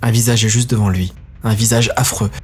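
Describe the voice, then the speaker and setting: A man narrating a dark science-fiction audio story in a grave, intense manner. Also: lowish voice, fairly even intonation, fairly quick, slightly rough.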